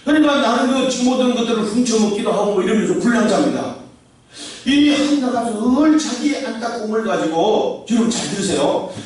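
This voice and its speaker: A man's voice: very high voice, lively intonation, a little fast, darkish tone. A male pastor preaching an emphatic sermon, calling the congregation to answer amen. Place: large echoey church sanctuary. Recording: very echoey hall, voice from far off the mic.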